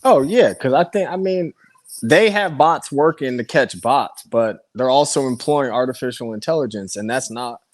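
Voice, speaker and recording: A man's voice: mid-range voice, moderate pace, no echo. A man, a musician guest on a podcast, talking in a laid-back, candid way. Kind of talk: casual interview chat.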